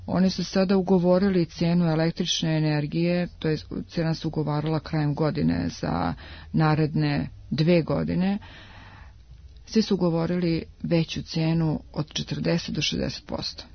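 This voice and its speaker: A woman speaks as an industry adviser in a radio interview, her voice gravelly with a touch of fry. She explains steadily, stopping on drawn-out fillers between points. The sound is dry, close and dull, like an old radio broadcast. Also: low voice, little pitch movement, no echo. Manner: measured, explanatory, pauses on drawn-out "e".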